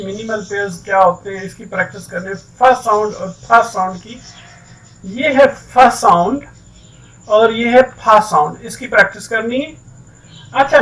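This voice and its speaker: A man teaches English in a recorded online lecture, his voice sitting on the high side. He sounds set back from the microphone. He explains patiently and keeps mixing English phrases into his talk. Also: pushed and bright, distant mic, poor audio. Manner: explains step by step, keeps saying "ठीक है".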